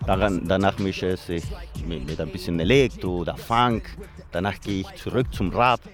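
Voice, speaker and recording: A man's voice: deep voice, normal speed, over music. A man from Chile, a guest DJ speaking earnestly in simple, during a casual interview outdoors by a lake. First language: Spanish. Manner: earnest, in simple non-native German.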